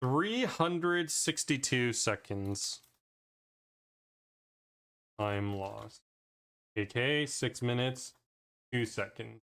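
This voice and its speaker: A man's voice: medium pitch, expressive, very slow, pauses often, fairly bright tone. A man casually reviewing his own speedrun, talking loosely with plenty of "like" fillers. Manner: rambling, loose, with frequent "like" fillers. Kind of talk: casual commentary over gameplay.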